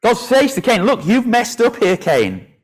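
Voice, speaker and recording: A man preaching a sermon, lively and engaging, putting questions to the children in the congregation. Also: extremely high pitch, measured pace, slightly rough.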